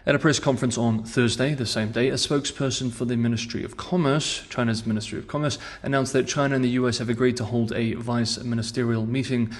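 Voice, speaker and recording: A man hosting a scripted news analysis show in a measured presenter's delivery, recorded on a mic in a meeting room with imperfect acoustics. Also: mid-range voice, steady tone.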